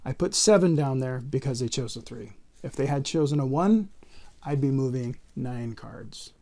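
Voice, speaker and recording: A man's voice: medium pitch, lively intonation, moderate pace, warm tone. A man talking in casual card magician patter, explaining and counting aloud step by step like a tutorial presenter.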